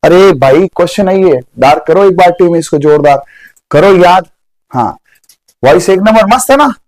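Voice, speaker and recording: A man's voice: sits high, normal speed, dry recording, low-quality recording. A young man teaching a live online exam-prep class, joking and answering viewers' comments as he drills memory tricks. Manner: animated, jokey, chats with viewers' comments.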